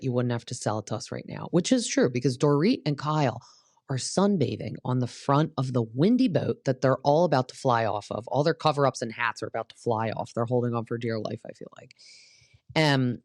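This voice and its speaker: A woman's voice: very deep voice, a little mellow, no room sound, clean studio sound. A woman hosting a podcast, giving a casual, opinionated recap of a reality show and filling her talk with "like". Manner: chatty and opinionated, full of "like" fillers. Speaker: podcast host.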